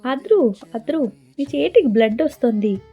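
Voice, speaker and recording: A tearful young woman who pleads with her lover in a high, anxious voice, as a narrator voices her. The tone is husky and soft, and the muffled lo-fi recording has faint music behind it. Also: animated, normal speed, full character voice. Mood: alarmed.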